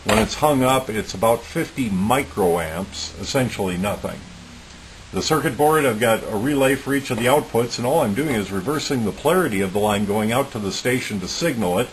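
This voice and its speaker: A man with a medium-pitched, animated voice talks briskly as an electronics hobbyist showing off a homemade project. His demonstration is informal and methodical, delivered in a plain-spoken, matter-of-fact way. The recording is clearly noisy, with audible hiss.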